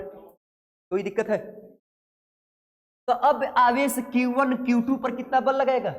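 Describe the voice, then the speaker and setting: A male physics teacher lectures to a class, keeps asking questions and answers them himself. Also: very high-pitched. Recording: long hall reverb.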